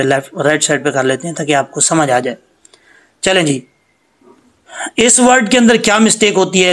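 A man teaching Quran reading in a screen-recorded lesson. He explains patiently, repeats words slowly and chants the recited words in a drawn-out way. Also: on the high side, fairly bright tone.

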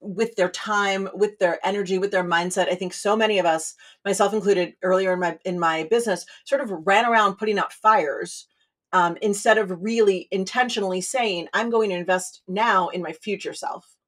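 A woman's voice: mid-range voice, steady tone, normal speed, fairly bright tone. Chatty woman podcast host. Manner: chatty, tags sentences with "right?" and "you know". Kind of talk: podcast interview conversation.

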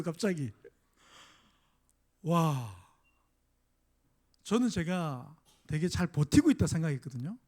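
A middle-aged male pastor preaching a sermon, emphatic, voicing quoted mockers with drama and dropping to a soft, confiding tone for personal stories. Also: a little high. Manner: drops to a soft confiding tone when telling a personal story.

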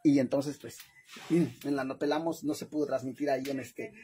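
A woman with a Mexican accent chatting casually on a livestream, talkative and animated, laughing often and calling her viewers "hermanas". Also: extremely low pitch, a little fast, a little hiss or hum. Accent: Mexican Spanish. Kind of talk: casual livestream chat to followers.

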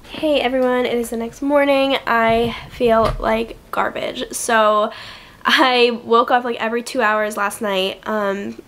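A woman in her twenties with a sore throat and a congested cold, chatting casually to camera in a vlog and talking quietly to spare her throat. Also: fairly high pitch, steady tone, a little slow, a little hiss or hum. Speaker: lifestyle vlogger. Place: apartment in New York, then out around the city.

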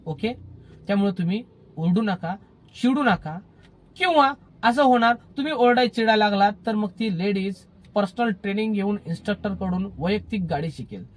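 High-voiced guy, driving teacher vlog, earnest, keeps repeating his advice. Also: moderate pace. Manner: earnest and repetitive, pleading. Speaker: driving instructor.

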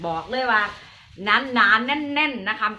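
A woman with an Isan accent doing hyped, chatty live-seller patter, repeating her pitch and addressing viewers in a folksy way. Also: fairly even intonation, unhurried, pushed and bright, muffled recording. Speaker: live-stream seller of chillies and farm produce.

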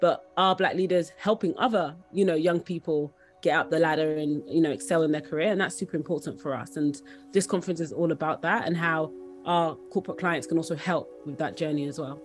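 Speaking briskly in a deep voice over soft background music, a young adult company founder appears as an interview guest on a video call. Her manner is conversational and eager, and she repeats words for emphasis.

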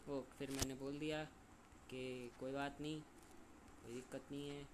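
A young man streaming a game and chatting loudly with friends on a call, joking and complaining as he plays. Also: medium pitch, level tone, moderate pace, background noise. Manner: loud, joking banter with friends. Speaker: gaming streamer.

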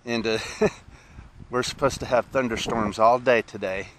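A middle-aged man, vlogging by a park pond, talking slowly with many pauses and restarts. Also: medium pitch, fairly even intonation, rough recording. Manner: slow, halting, many "uh"s and restarts. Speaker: fishing vlogger. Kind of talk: casual outdoor vlog. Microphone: camera on a stand, then head-mounted camera. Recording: outdoor noise behind the voice.

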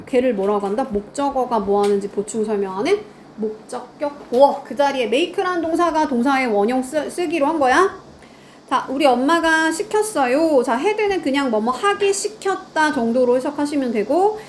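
A woman with a high-sitting voice teaches grammar in a lecture, quizzing her students and then answering her own questions. Slight background noise is present.

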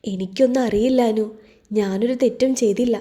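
A woman's voice: a little high, a little fast, mellow, natural voice. A woman voicing a tearful, frightened young woman. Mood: distraught.

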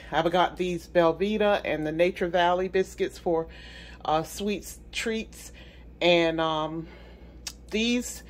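A middle-aged woman chatting casually through a grocery haul in her home kitchen, rambling with lots of ums and restarts. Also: on the low side. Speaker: vlogger.

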